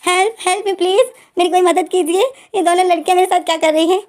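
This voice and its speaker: A woman's voice: extremely high pitch, fairly even intonation, fast talker, voice pushed up. A woman voicing a flustered, shy young man who protests in a panic. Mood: panicked.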